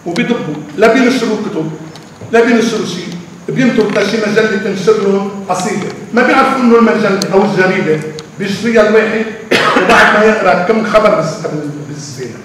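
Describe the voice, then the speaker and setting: An older man, a poet answering questions in an animated, emphatic way, with drawn-out pauses. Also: high voice. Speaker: poet being interviewed. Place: large echoey hall. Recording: echoey hall from far off, faint noise.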